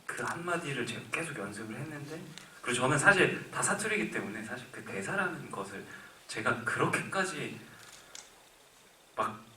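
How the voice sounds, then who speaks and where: An actor in his twenties answers a question at a live film Q&A in a cinema auditorium, speaking earnestly and thinking aloud with frequent restarts. His mid-range voice has lively intonation, a moderate pace and a sharp tone, picked up from far off in the echoey room with slight background noise.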